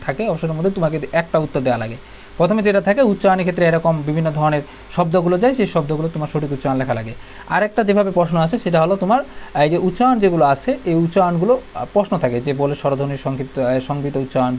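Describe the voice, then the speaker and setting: A man's voice: a little high, a little mellow, a little hiss or hum. A young man teaching an exam-prep video lesson, explaining step by step, repeating himself and talking to students informally. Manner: addresses students informally, colloquial.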